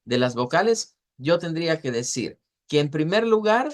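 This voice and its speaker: A man's voice: fairly high pitch, very animated. Man teaching pronunciation, repeating words. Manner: explanatory, repeats words slowly to model sounds. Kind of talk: online class lecture.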